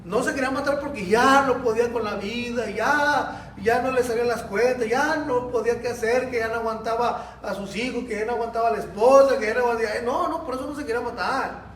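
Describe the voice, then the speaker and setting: In an echoey church hall, a Mexican pastor with an extremely high, slightly bright voice preaches a Sunday school sermon a little fast. He tells stories animatedly and addresses the congregation directly, picked up by a distant mic with a little hiss or hum.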